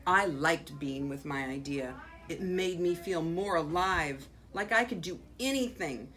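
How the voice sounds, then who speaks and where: An American woman, a school principal, reading a children's picture book aloud expressively, with dramatic pauses and drawn-out words. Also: low voice, fairly bright tone. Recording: faint background noise.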